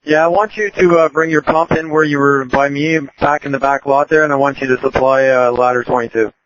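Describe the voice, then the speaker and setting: Fire commander voice heard through a two-way radio, middle pitch, calm and directive, muffled lo-fi sound with faint hiss. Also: male voice. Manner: calm, directive, halting with fillers. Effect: heard over a two-way radio.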